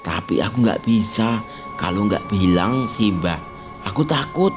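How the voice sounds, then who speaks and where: A man's voice: lowish voice, expressive, a little slow. A man voicing a timid, frightened young child in a spoken horror story, talking hesitantly with a pleading edge over background music. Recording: music playing underneath.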